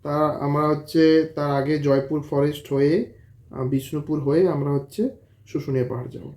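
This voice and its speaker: A man's voice: on the high side, little pitch movement, brisk, mellow. Offhand man, travel partner. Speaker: vlog co-host, travel partner. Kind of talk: casual chat.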